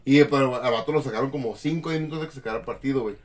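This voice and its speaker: Fast-talking guy telling a story. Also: medium pitch. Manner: slangy, animated storytelling. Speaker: podcast co-host. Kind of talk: casual chat.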